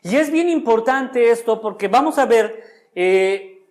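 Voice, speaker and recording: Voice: medium pitch, expressive, a little slow, darkish tone. A preacher teaching from the pulpit in a church. The delivery is explanatory and conversational, drawing listeners in with direct questions. Key words are stretched out and repeated for weight. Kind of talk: sermon.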